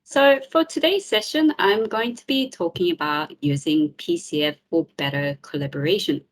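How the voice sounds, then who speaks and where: A woman's voice: lowish voice, moderate pace. Upbeat woman presenting at an online meetup. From South Korea, raised in New Zealand. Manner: friendly, upbeat, with filler ums. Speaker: tech community speaker. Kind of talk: presentation talk.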